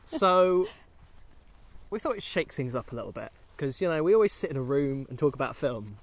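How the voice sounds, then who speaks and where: A young British man co-hosting a film discussion vlog chats casually and jokily while walking outdoors through woods and a golf course. His voice is medium-pitched and sing-song, at a moderate pace.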